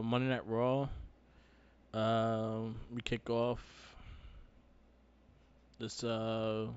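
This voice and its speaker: A man's voice: mid-range voice, smooth. Casual male podcast co-host, easygoing and chatty, dull recording. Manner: relaxed, rambling, laughs often. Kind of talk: casual chat.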